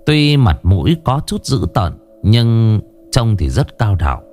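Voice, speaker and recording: A man narrating a horror story in a dramatic, lively storytelling manner. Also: fairly low pitch, unhurried, soft background music.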